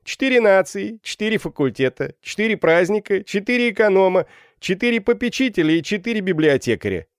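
A man voicing a crowd of unruly young male students who heckle and shout, pitched far above his own voice and loud. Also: very animated, normal speed, no echo, studio quality. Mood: heckling. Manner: shouting, mocking.

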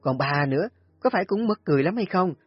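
A shrill, scornful young daughter-in-law, put on by a male storyteller, yelling taunts in a high, husky strained voice. The storybook recording is dull and lo-fi, with soft music underneath. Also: lively intonation, moderate pace, no echo. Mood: scornful shouting. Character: spiteful young woman, sharp-tongued shrewish daughter-in-law. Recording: dull lo-fi audio with faint music.

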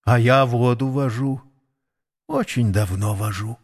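A weary old mare , as a male narrator puts her on, soft and mumbling, shy and sad, her words coming slow and hesitant. A worn-out storybook horse with a gentle, faded voice. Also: mid-range voice, husky. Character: old half-blind worn-out water-cart mare, meek and sad. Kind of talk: audiobook character voice.

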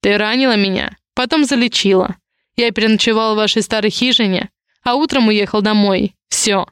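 A woman's voice: medium pitch, normal speed, clean tone, no echo, studio quality, lightly acted. A woman reading the lines of a stern, haughty male duke in a cold, commanding manner, in a story.

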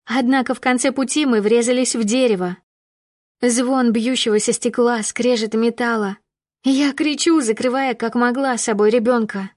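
A woman narrating a first-person audiobook with steady storytelling that rises with emotion in dialogue. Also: a little high, moderate pace, no echo, clean studio sound.

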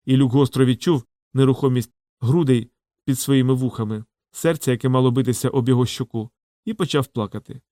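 A man narrates a fantasy audiobook in a dramatic, measured storytelling manner. His voice sits at an ordinary middle pitch. The sound is dry and close, with no room echo. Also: steady tone, warm tone. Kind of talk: scripted narration.

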